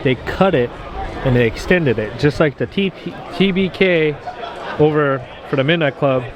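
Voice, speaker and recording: A man's voice: a little high, normal speed, a crowd in the background. A man giving enthusiastic, slangy, casual walk-around commentary as a car vlogger at an outdoor meet. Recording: noisy outdoor car meet, vehicle sounds. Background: cars, car alarm beeping at times.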